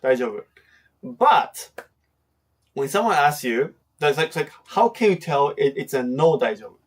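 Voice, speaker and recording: A man's voice: a little high, sing-song, unhurried, breathy edge, far from the mic. A man hosting a casual lesson on a Japanese phrase, talking with many fillers and acting out example lines. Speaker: host teaching Japanese phrases.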